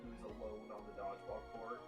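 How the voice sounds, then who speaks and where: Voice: mid-range voice, little pitch movement, a little fast, over loud music. A tabletop game player chatting casually and joking at the table.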